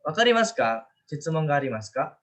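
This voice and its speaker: A man teaching a casual online language class, chatty, often drawing out example phrases slowly to show their intonation. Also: fairly high pitch, big pitch swings, fairly bright tone, slight background noise. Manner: chatty, rambling asides. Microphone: online class call.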